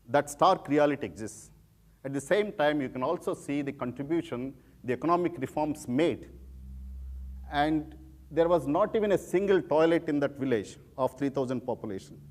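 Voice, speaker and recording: Higher-pitched man with heavy Telugu accent. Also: expressive, moderate pace, darkish tone. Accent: Telugu Indian. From rural village in India. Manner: emphatic, often repeats words and phrases. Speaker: guest speaker, former civil servant turned social entrepreneur. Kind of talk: informal public talk with personal anecdotes.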